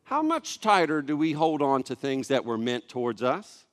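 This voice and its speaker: A man in his thirties preaching a sermon, telling a family story in a relaxed, conversational way with asides to the congregation. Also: medium pitch, moderate pace. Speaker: pastor. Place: church sanctuary. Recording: long church hall reverb.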